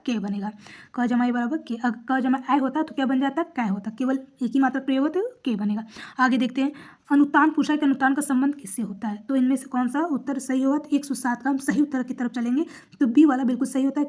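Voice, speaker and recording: A woman with a high voice walks through exam questions one by one. She explains each answer patiently and repeats the key terms so they stick. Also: darkish tone. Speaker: teacher. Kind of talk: exam-prep lesson.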